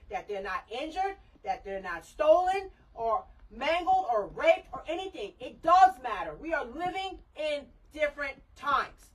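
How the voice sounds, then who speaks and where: A woman's voice: sits high, recorded from a distance, low-quality recording. A middle-aged mother scolding her daughter in a heated family argument, lecturing and repeating herself.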